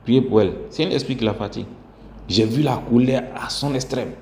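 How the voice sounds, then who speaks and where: A man giving a spoken religious testimony, halting and full of fillers and restarts. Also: mid-range voice, darkish tone. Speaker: testimony speaker. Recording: echoey room with faint background hum.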